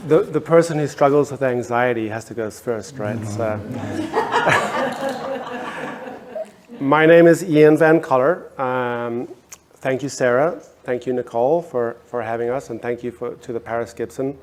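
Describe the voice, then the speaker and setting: A middle-aged South African artist with a South African accent speaks on an art panel, hesitant and full of ums and restarts in the casual talk. His mid-range voice is expressive and measured, with a crowd audible in the background.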